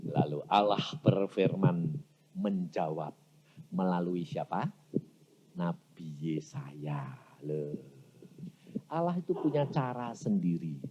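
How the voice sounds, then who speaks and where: A man preaching a sermon in a colloquial, folksy way, full of rhetorical questions and sudden loud outbursts. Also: sits low, dull audio, a little hiss or hum. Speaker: evangelist preacher.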